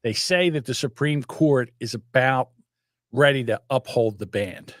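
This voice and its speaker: At a measured pace and medium pitch, an older man from South Jersey rambles through stories as a podcast co-host, keeping the chat casual, profane, and animated. It's a dry, studio-quality recording.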